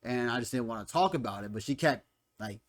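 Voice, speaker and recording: A man's voice: mid-range voice, lively intonation, fast talker. A young man co-hosting a podcast, casually telling a story, acting out quoted lines and laughing often. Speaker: podcast co-host. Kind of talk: casual chat.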